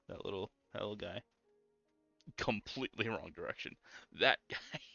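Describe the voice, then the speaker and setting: A young man streaming a game in a calm, low-energy, mellow way, full of ums and easy asides. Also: vocal fry. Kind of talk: casual gameplay stream chat. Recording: slightly muffled lo-fi audio with faint music.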